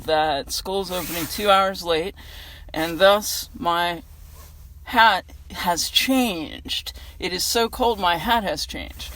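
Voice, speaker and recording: An American woman giving a casual inspirational reflection outdoors in a parking lot, talking in a chatty, earnest, conversational way. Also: lowish voice. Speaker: vlogger giving a weekly inspirational message. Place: outdoors in a gym parking lot in freezing cold.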